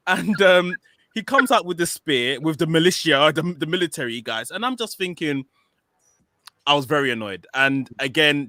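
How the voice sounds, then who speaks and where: British male co-host, bright and animated, dry close mic. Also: a little high, no echo. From Nigerian heritage, raised in Britain. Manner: animated, fast restarts and repeats. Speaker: podcast co-host. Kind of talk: casual chat.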